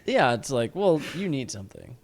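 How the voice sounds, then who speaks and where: A man's voice: medium pitch, big pitch swings, normal speed, creaky. Joking young man on a casual podcast. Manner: joking, reads facts aloud, tries put-on accents. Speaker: podcast co-host. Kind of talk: casual chat.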